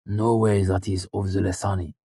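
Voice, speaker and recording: A man voicing a calm foreign male warrior in an audiobook, speaking in clipped, halting phrases. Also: low-pitched, slightly rough, no echo. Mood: terse. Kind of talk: audiobook character voice.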